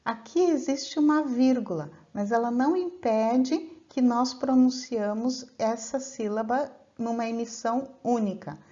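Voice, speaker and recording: A woman explains a lesson at a slow, unhurried pace. She reads verses syllable by syllable in a mellow, fairly high voice. The recording sounds dull and lo-fi. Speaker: teacher.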